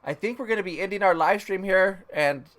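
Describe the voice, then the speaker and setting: A man's voice: high-pitched, a little fast, fairly bright tone. A tired man co-hosting a casual live stream in an easygoing, rambling, jokey way. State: tired, ready for bed. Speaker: live stream co-host and vlogger. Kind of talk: casual livestream chat.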